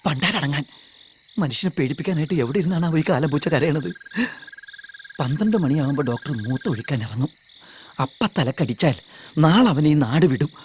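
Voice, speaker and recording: An actor playing a grumbling, conceited small-time crook in a Malayalam film comedy, muttering over faint background noise. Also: male voice, fairly high pitch, animated, brisk, long pauses, lightly acted. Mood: smugly plotting. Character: grumbling, scheming, self-satisfied small-time male crook.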